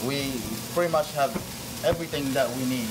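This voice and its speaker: A man in his thirties from Morocco, a restaurant chef, explaining his cooking calmly with frequent hesitations on a lapel mic. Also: medium pitch, fairly quick. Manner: calm, agreeable, with frequent "uh". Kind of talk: casual explanation while cooking. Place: restaurant kitchen with sizzling pans. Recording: kitchen noise and frying sizzle.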